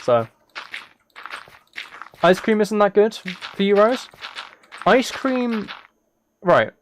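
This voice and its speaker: A man on a livestream speaks extremely slowly in a high, sing-song voice. He rambles casually to viewers, musing and frequently restarting his phrases, with keyboard typing and clicks audible in the background.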